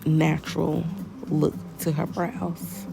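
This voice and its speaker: A woman with a Southern American accent, congested from allergies, talking viewers through her waxing work in a relaxed, folksy voice-over. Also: low-pitched, takes it slowly, gravelly, background noise. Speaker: esthetician. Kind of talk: tutorial voice-over.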